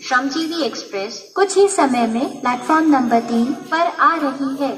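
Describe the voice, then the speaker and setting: This is a scripted public announcement in Hindi and English, voiced by a woman with an Indian accent and a high pitch, heard through a railway station's PA system. Her formal phrases come out measured and pieced together, and the recording has station-loudspeaker echo, distant miking, and music.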